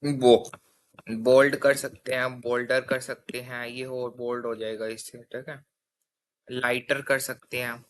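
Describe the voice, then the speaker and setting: A young man teaches coding at an unhurried pace, his mid-range voice showing little pitch movement. He keeps it casual, explaining each step in turn and checking in with "theek hai" again and again.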